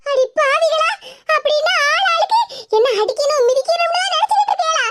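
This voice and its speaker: A woman voicing a complaining, indignant older village woman in a cartoon, in a high, squeaky voice. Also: expressive, brisk, very noisy. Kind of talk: cartoon voice acting.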